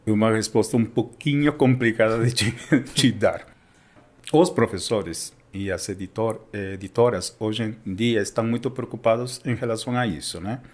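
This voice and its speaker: With a darkish, low-leaning voice at moderate pace, a Peruvian Spanish teacher explains in Portuguese, accented by his Peruvian Spanish. The tone is a casual educational chat, punctuated by frequent check-ins with his listener.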